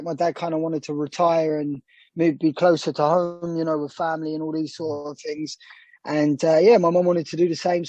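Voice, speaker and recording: A man's voice: on the high side, warm tone, dry recording. A young man from England, a boxer, answering interview questions casually with rambling sentences and many fillers.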